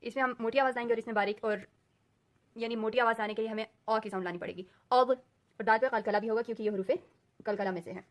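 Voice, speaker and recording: Woman teaching slowly in drilled repetitions. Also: a little high, steady tone. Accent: Urdu. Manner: slow, deliberate, repeats sounds as drills. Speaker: Quran recitation teacher. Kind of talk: step-by-step recorded lesson.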